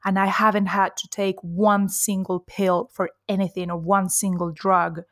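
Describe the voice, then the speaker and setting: A Colombian woman in her forties, a native Spanish speaker and nutritional therapist, chats casually as a podcast guest and laughs often. Her English carries a mixed Colombian and Spanish-influenced accent. Her mid-range voice is fairly bright and level at a normal speed, recorded dry with clean studio sound.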